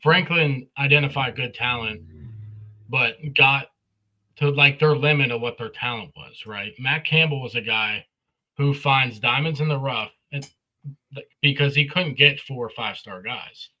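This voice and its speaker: A man's voice: mid-range voice, a little slow, muffled recording. A man co-hosting a sports podcast, giving eager, opinionated takes in casual talk. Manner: enthusiastic, opinionated. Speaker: podcast co-host.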